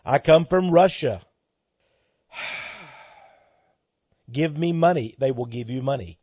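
A man with a fairly high voice hosts a ministry program, reading listener letters and answering them. He preaches emphatically, his voice shooting up when he gets worked up. The sound is dull, dry and lo-fi. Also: animated, slow, a little mellow, breathy edge, no echo.

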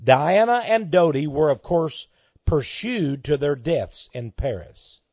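A man with a fairly high voice hosts a ministry program, reading listener letters and answering them. He preaches emphatically, his voice shooting up when he gets worked up. The sound is dull, dry and lo-fi. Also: expressive, slow pace, darkish tone, slightly rough, no room sound.

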